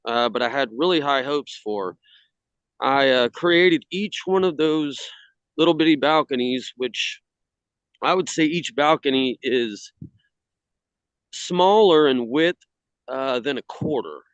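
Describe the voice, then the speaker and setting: A man on a video call from outdoors in the cold, casually presenting his hobby work in a halting way. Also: fairly high pitch, a bit bright, smooth, dry recording. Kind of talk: casual slideshow talk. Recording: slightly dull video-call audio.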